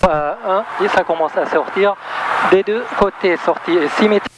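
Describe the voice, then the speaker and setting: A man, a student pilot flying solo, haltingly talks himself through procedures and radio calls over a pilot headset. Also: high-pitched. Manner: halting, procedural, self-prompting. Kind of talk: cockpit checklists and radio calls spoken aloud. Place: inside a small aircraft cockpit. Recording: loud engine noise, aircraft cockpit headset audio.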